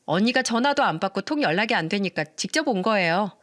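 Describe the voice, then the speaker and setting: A woman's voice: mid-range voice, lively intonation, quick pace, fairly bright tone, no room sound, studio quality, close to an everyday voice. A woman voicing a rude, greedy young sister-in-law who screams insults and demands money, in a storytelling reading. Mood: pushy. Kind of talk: storytelling radio drama reading.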